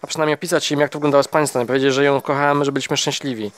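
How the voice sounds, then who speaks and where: A man's voice: mid-range voice, flat delivery, racing, no echo, lightly acted. A man doing a distraught accused husband, raised and heated. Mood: pleading. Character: distraught angry young husband accused of murder. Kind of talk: audiobook character voice.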